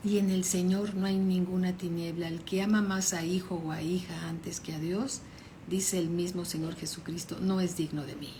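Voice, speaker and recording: A woman's voice: lowish voice, fairly even intonation, moderate pace, mellow, slight background noise. A woman pastor giving a Bible study sermon, reading verses aloud and explaining them, often checking in with her listeners.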